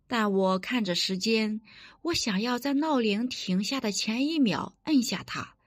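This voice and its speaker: A woman's voice: a little high, measured pace, no room sound, studio quality. A woman preaching a sermon in an earnest, instructive way, quoting scripture and giving practical advice.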